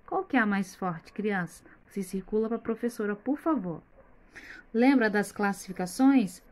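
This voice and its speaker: A woman with a Brazilian Portuguese accent teaching young children in a recorded lesson. She sits at a medium pitch and draws words out slowly and clearly, stopping often to ask the children questions. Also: a little mellow. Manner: patient, slowly spells out words and addresses the children directly. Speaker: primary school teacher.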